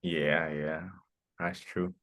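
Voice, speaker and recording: A man's voice: very deep voice, flat delivery, very slow, fairly bright tone. A man from the United States teaching an English class, asking students questions and repeating their answers back in an encouraging way. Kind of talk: online class Q&A.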